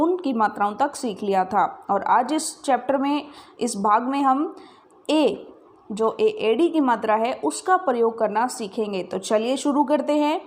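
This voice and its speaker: Woman, young adult, children's teacher, kindly, high-pitched, unhurried, spells words out syllable by syllable. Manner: slow, spells out each word syllable by syllable; kindly, addresses the children directly. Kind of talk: recorded lesson for small children.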